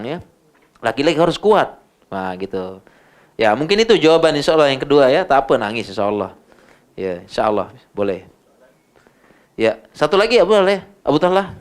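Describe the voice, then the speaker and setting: A middle-aged man with an Indonesian accent giving an informal religious lecture and answering audience questions, animated and repeating words for emphasis. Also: a little high.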